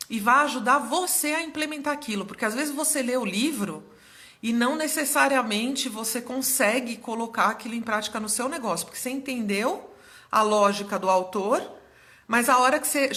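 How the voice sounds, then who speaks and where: A young adult woman with a slightly high, bright voice, a little hoarse, hosts a live stream as a mentor. She's chatty and explanatory and keeps checking in with her viewers.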